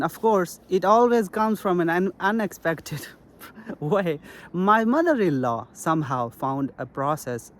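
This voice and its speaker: A man's voice: on the high side, slight background noise. A young man from Pakistan talking earnestly to camera in a casual vlog, repeating his key points. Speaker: self-help vlogger.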